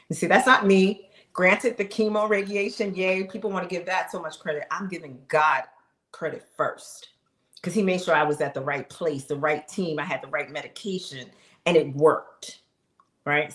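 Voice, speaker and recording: Speaking directly to her viewers on a live stream, a middle-aged woman with a fairly low voice gives a casual testimony about her health journey. She is animated and chatty, exclaiming and laughing, and her voice echoes around the room.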